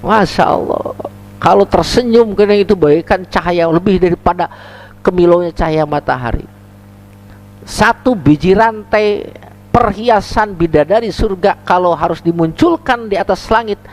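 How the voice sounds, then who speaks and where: Man, preacher, animated storytelling sermon, wide-ranging voice. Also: high voice, moderate pace. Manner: animated storytelling, acts out the characters in the stories.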